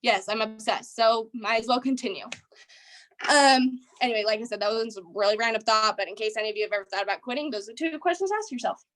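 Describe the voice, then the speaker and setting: A woman's voice: a little high, quick pace, fairly bright tone. A young woman leading a team training call, giving a casual motivational talk with a chatty, rambling way of speaking full of "like" and "um". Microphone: video call.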